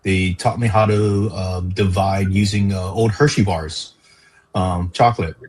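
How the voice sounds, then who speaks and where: Husky-voiced man from Hawaii. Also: deep voice, a little slow, soft background music, poor audio. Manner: earnest, steady, with frequent fillers. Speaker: interview guest, park educator. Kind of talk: casual interview chat.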